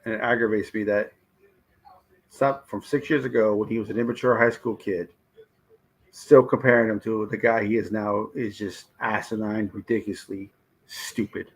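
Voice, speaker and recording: A man hosting a live stream, hoarse and losing his voice, reacting to draft picks and answering his chat in casual commentary. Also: on the low side, fairly even intonation, moderate pace, rough recording. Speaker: livestream host.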